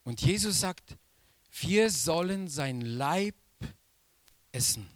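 A man preaching a sermon slowly and emphatically, repeating key phrases for weight. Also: on the high side, expressive, no room sound.

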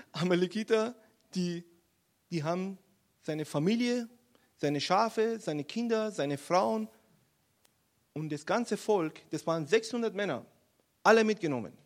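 High-voiced animated male preacher. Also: takes it slowly, pauses often. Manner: animated, emphatic storytelling. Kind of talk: sermon, Bible teaching.

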